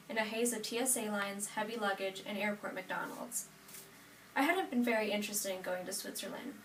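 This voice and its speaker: A woman's voice: medium pitch, a little hiss or hum. Eighteen-year-old woman reading her speech. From Nebraska, US. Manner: reads steadily from note cards with small self-corrections. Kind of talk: reading a prepared personal narrative speech. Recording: roomy sound from a distant mic.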